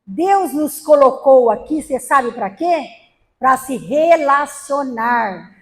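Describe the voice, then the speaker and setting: Brief: high-pitched woman lecturer from Brazil, humorous storyteller. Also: expressive, takes it slowly. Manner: storytelling with acted quotes and humor. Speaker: spiritist lecturer. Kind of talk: spiritist talk to a gathering. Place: spiritist center hall.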